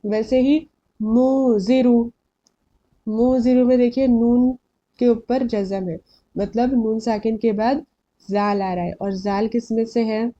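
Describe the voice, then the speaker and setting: A woman's voice: fairly high pitch, fairly even intonation, unhurried, mellow, muffled recording. Patient woman teaching recitation rules. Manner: patient, repeats and asks questions back to learners; mixes English phrases into Hindi. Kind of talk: slide-based recitation lesson.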